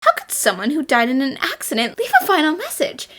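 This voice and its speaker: Excitable high-pitched anime girl detective, overacted. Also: a little fast, exaggerated voice. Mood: insistent. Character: excitable, theatrical young female detective. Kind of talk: overacted anime-style fan dub. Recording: voice over faint music. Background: faint music.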